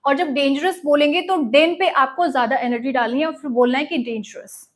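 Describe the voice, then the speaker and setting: High-voiced woman teaching a lesson. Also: fairly quick. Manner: explains step by step, mixing Hindi and English, asks students to repeat words. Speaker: English literature teacher. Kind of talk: online exam-prep lesson.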